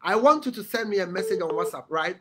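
A man's voice: sits high, animated, fast, background noise. A man hosting a live call-in broadcast as a prophet, urging callers with commanding, repeated instructions. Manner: commanding, repetitive exhortations.

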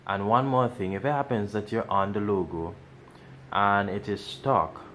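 A man's voice: lowish voice, fairly even intonation, a little slow, fairly bright tone, a little hiss or hum. A man hosting a casual how-to video, explaining each step and repeating instructions as he goes. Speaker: tech tutorial host.

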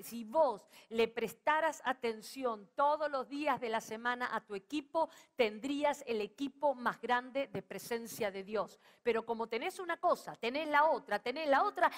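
A middle-aged woman with an Argentine accent preaching a sermon and rousing the congregation to call back. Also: on the high side. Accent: Rioplatense Spanish. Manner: rousing, calls out to the audience.

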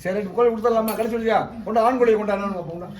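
High-voiced man commanding an exorcism. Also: fairly even intonation, very fast. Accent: Tamil Nadu. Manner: interrogating, commanding, repeats sharp questions. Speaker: exorcist and spiritual healer. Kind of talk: exorcism ritual. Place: temple shrine. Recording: echoey room, far from mic, faint noise.

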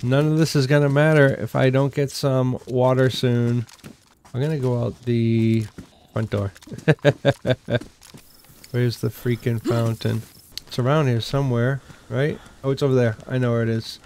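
Muttering to himself as he loots, an older Boston-accented man from New England offers laid-back commentary on the survival game he's playing for his YouTube gaming channel. His voice is mid-range at a normal pace, with slight background noise.

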